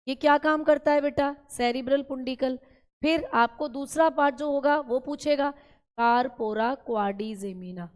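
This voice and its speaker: A woman teaching an online class, repeating key terms and talking directly to her students. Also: fairly high pitch. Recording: long hall reverb.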